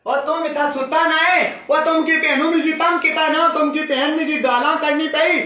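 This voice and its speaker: A man voicing a loud, quarrelsome sister-in-law, ranting and shouting in a comic sketch. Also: very high-pitched, fairly even intonation, normal speed. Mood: aggrieved ranting. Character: loud, quarrelsome village woman, a sister-in-law tired of housework. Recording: roomy and distant.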